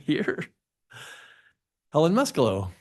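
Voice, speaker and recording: A man's voice: fairly high pitch, wildly swooping pitch, slow, a little mellow. A man on city staff who sets up the recording and calls the roll in a casual way. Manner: casual, checks pronunciations. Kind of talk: running roll call.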